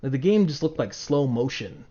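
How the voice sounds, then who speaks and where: Dark in tone yet medium-pitched, his voice has lively intonation at normal speed. He hosts a livestream, rambling to chat in a casual, sweary manner and acting out reactions, captured on a dull, lo-fi microphone.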